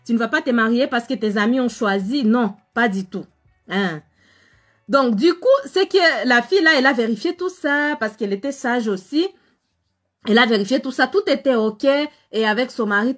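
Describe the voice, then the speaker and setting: A woman with an African French accent, hosting a live stream as a relationship coach, chatting with viewers and telling a story. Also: a little high. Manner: chatty, animated, addresses viewers directly, many fillers.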